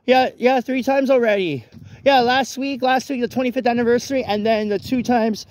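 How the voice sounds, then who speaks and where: A very high-pitched young man records a casual vlog on his phone camera while strolling outside in the rain at night, rambling and correcting himself repeatedly. He speaks at a moderate pace in a slightly mellow voice, with no room sound.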